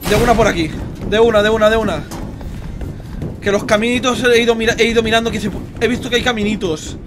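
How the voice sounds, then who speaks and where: A young man from Spain with a Spanish accent, streaming a horror game live, often panicking and screaming with rapid repeated words. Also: high voice, fairly even intonation, noisy background.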